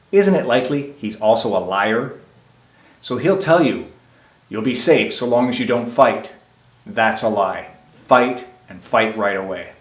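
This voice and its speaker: A man delivers an emphatic self-defense lesson, setting up rhetorical questions and answering them himself. His voice sits in a middle pitch. The room around him is noticeably echoey. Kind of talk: instructional presentation.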